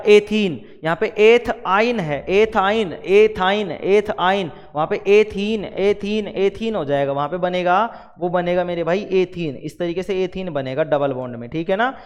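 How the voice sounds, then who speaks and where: A man's voice: high-pitched, smooth, long reverb tail. A man teaching a revision lesson at the board, repeating terms and quizzing the class with questions.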